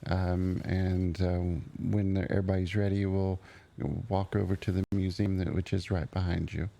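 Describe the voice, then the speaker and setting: Man, deep, creaky, hesitant, casual role-play guide. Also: completely flat delivery, dark tone. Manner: hesitant, halting.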